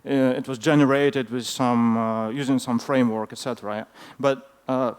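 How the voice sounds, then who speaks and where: Halting male conference speaker, clear smooth voice. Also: mid-range voice, steady tone. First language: not English. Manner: hesitant, halting delivery with frequent fillers. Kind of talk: informal technical presentation.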